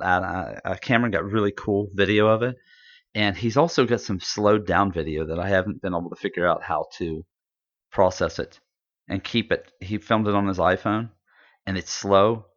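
A man's voice: sits low, a bit bright. A man co-hosting a podcast in casual chat, rambling and enthusiastic with lots of fillers. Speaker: podcast co-host. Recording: dull lo-fi audio.

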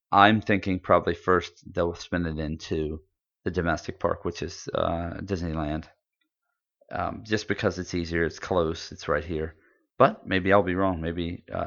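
Deep-voiced man chatting casually. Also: a bit bright. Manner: rambling, enthusiastic, many fillers. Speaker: podcast co-host. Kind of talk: casual chat. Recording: dull lo-fi audio.

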